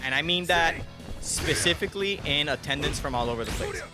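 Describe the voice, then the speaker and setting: Excitable man commentating, very lively pitch. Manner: excitable, slangy, halting and repetitive. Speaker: tournament commentator. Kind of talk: casual live esports commentary. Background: game music.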